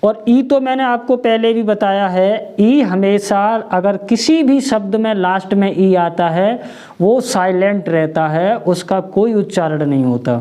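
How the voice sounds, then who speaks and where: Slow, mellow-voiced woman teaching pronunciation. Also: mid-range voice. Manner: spells words letter by letter, asks and answers her own questions. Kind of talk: spelling and pronunciation lesson.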